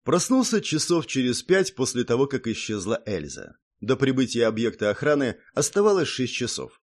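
A man narrating a first-person audiobook. His delivery is steady and matter-of-fact, and his pitch moves in a lively way. Now and then he drops in a wry aside. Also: normal speed.

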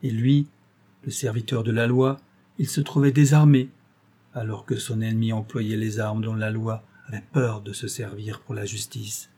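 A man narrating an adventure novel as an audiobook, measured and dramatic. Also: lowish voice, little pitch movement, mellow, breathy edge.

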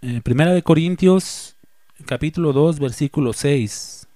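A man preaching a sermon as teacher and preacher, with lively swings in pitch and loudness, often asking listeners for agreement and reading scripture slowly with weight on each phrase. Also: dry recording. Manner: asks the listeners for agreement with short tag questions.

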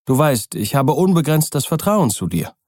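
A man's voice: very animated, normal speed, darkish tone, dry recording, clean studio sound. A man reading an audiobook, voicing a frightened, nervous middle-aged doctor in an agitated, pleading tone. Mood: nervous earnest. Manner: agitated, pleading, higher-pitched.

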